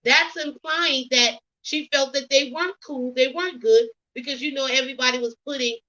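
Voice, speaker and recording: A woman's voice: high voice, fairly even intonation, normal speed, sharp tone, highs cut off. A woman from the US South with a Geechee accent, rambling through opinionated celebrity gossip commentary with lots of ums and you knows. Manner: opinionated, rambling, many fillers like um and you know. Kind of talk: casual commentary vlog.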